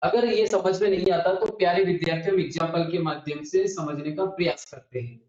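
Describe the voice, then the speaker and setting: A man's voice: sits high, brisk, darkish tone. Male grammar teacher, exam coaching, rhetorical question-and-answer style, echoey room, muffled lo-fi audio. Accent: Hindi heartland. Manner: asks questions and answers them himself; addresses students fondly. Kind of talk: exam-prep grammar lesson. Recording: dull echoey classroom audio.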